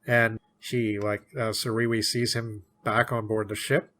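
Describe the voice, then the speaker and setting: A man's voice: lowish voice, little pitch movement, fairly bright tone. A man co-hosting a podcast, chatting casually about a book, laughing often. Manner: chatty, laughs often, puts on quick voices for characters. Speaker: podcast co-host.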